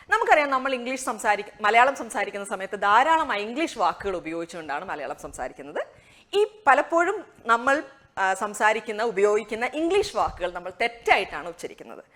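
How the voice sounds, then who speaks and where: Brief: woman, pronunciation teacher, animated pitch, chatty and patient. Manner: conversational, asks rhetorical questions, slows on target words. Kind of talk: explanatory lesson.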